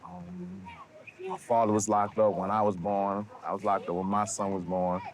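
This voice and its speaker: A man, answering documentary interview questions in a halting way and often repeating words. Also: on the low side, vocal fry, crowd noise. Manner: halting, repeats words while searching for them. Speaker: interviewee, local resident.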